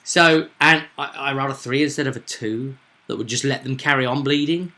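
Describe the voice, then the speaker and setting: Speaking at medium pitch and a brisk pace, a man with a bright, forward voice acts as game master for a tabletop roleplaying session. His explanations are casual and chatty, and he keeps checking for agreement with small tag questions.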